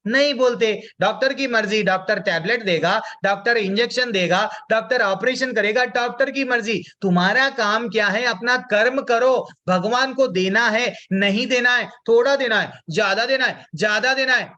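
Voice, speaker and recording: A man's voice: sits high, moderate pace, hardly any pauses, sharp tone, highs cut off. A man teaching a devotional scripture class. He asks his listeners questions and answers them himself, chants Sanskrit verses and explains them, and mixes English words into his Hindi. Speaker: Gita study class teacher.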